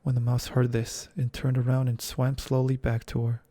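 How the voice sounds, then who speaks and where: A man reading a storybook aloud in a calm, gentle ASMR style, close to the microphone. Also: mid-range voice, normal speed, dry recording. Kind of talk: soft-spoken ASMR reading.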